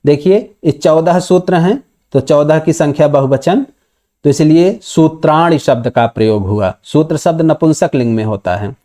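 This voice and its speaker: Brief: patient male grammar teacher, warm and fairly high voice, recites sutras slowly. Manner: acts out a student's objection in dialect. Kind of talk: explanatory lecture.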